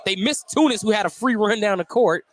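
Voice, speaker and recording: Calling basketball play-by-play for live radio, this American man speaks in a high-pitched, expressive, brisk voice. He's inside a high school gym, and the broadcast carries plenty of noise.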